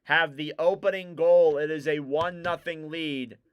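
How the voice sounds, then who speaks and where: Clear-voiced man calling hockey play-by-play. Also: fairly high pitch, unhurried, dull audio. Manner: casual, rising excitement on big plays. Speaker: livestream hockey commentator. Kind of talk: play-by-play commentary.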